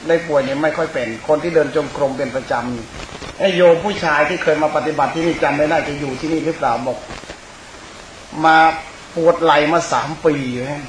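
A man's voice: a little high, fairly even intonation, fairly quick. A man, a Buddhist monk and teacher, giving an informal Dhamma sermon in a conversational, rambling way, speaking directly to his listeners. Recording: echoey room, clear background hiss.

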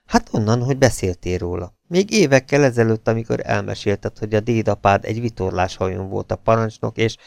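Guy doing a pleading scheming woman, raised voice, gravelly underneath, dry sound. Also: lowish voice, animated, hardly any pauses, a little mellow, dry recording.

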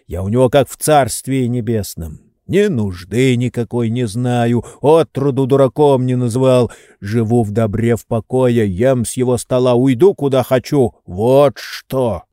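A hoarse old manservant, touchy and fiercely devoted, wheezing out heated boasts and insults, as a man puts him on in an audiobook. He drags his words slowly in a dark voice on a dry recording. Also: mid-range voice, no echo, natural voice. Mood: boastful. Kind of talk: audiobook reading.

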